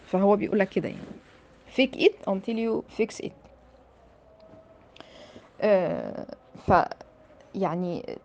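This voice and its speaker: A woman career coach with an Egyptian accent giving animated, emphatic motivational advice, filling pauses with repeated "aah". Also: mid-range voice, lo-fi sound. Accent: Egyptian Arabic.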